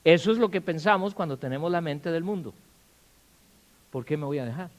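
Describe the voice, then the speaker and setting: A man preaching a sermon in a church, firing questions at the congregation and acting out quarrels in loud bursts. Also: fairly high pitch, brisk, poor audio. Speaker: pastor. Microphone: handheld or stand mic.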